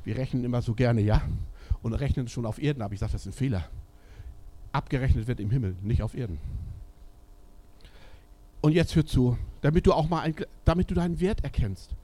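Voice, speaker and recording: A middle-aged man from Schleswig-Holstein preaching a sermon in a church service, blunt and direct, swinging between loud emphasis and quiet asides. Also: mid-range voice, animated, fairly quick. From Schleswig-Holstein, Germany.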